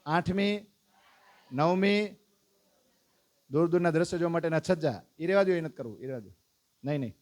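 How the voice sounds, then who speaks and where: A man teaches a devotional lesson to a gathered congregation. His voice sits somewhat high, and he talks with lively energy, reeling off lists and pushing his listeners to recite them with him. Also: normal speed, pauses often. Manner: lively, calls out lists and prompts the audience to recite. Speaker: religious teacher.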